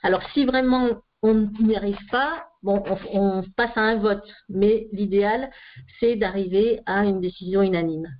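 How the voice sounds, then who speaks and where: A woman's voice: medium pitch, measured pace. A woman leading a group session over a video call, explaining ideas in a hesitant, filler-heavy way. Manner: hesitant, with frequent "euh" fillers. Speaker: session leader. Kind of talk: explanatory talk to an online group. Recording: muffled video call audio.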